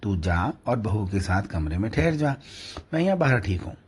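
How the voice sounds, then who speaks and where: A man voicing a kindly, frail old village shopkeeper, speaking gently. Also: lowish voice, big pitch swings, normal speed, husky. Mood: tender. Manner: gentle, scolding to the dog.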